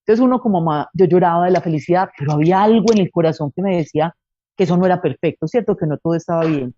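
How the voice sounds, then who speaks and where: Earnest Colombian Paisa woman, mellow voice. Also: fairly low pitch, racing, lo-fi sound. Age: middle-aged. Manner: earnest, reflective, with many fillers and restarts. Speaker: guest sharing her grief. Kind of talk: emotional personal testimony.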